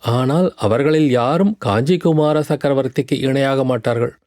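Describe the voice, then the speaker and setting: A man's voice: mid-range voice, moderate pace, darkish tone, no echo, clean studio sound, lightly acted. A man voicing a proud young female dancer who speaks in a reproachful tone, in an audiobook reading. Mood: bitter, tearful. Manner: reproachful, speaks through a pet deer.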